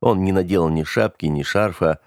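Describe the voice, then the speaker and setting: A man reads a first-person audiobook in a low, measured voice, telling the story evenly and steadily. The sound is close and completely dry, with no room sound. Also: dry recording. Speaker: audiobook narrator.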